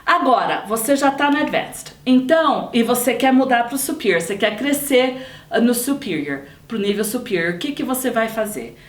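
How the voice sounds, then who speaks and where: A woman's voice: on the high side, expressive, moderate pace, far from the mic. A Brazilian woman teaching an online English lesson in an explanatory way, often repeating and rephrasing her points. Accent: Brazilian Portuguese. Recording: roomy echo, voice set back from the mic.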